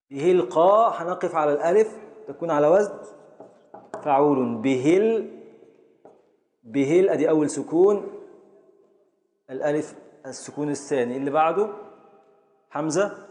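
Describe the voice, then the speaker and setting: A man's voice: on the high side, a little mellow. Egyptian male teacher in an echoey hall. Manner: drills syllables slowly, stretching words to beat the meter. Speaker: teacher of Arabic grammar and prosody. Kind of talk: classroom lesson, calling on students. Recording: echoey hall with long reverb.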